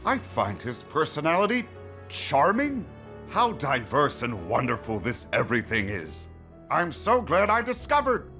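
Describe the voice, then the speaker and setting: A man playing an eccentric, curious, childlike scientist in a video game, speaking precisely and with deliberate wonder. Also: a little high, wildly swooping pitch, bright, forceful tone, faint music behind, heavily acted. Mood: delighted wonder. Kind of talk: video game character acting.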